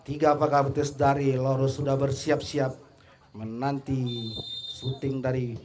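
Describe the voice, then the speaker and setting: A man's voice: mid-range voice, level tone, measured pace, darkish tone, a little hiss or hum. A man with an Indonesian accent giving live play-by-play commentary as a football commentator.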